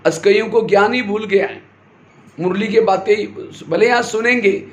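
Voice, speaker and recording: A man's voice: sits high, normal speed, highs cut off. A man giving a spiritual class in sermon style, asking his audience questions and answering them himself. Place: hall with a live audience. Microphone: handheld or stand mic. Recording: echoey hall with faint noise.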